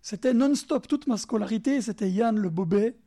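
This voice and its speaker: A man with a Bernese Jura French accent preaching a sermon, emphatic and animated, speaking straight to his listeners and sometimes dropping to soft asides. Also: high-pitched, moderate pace. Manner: talks directly to listeners in second person.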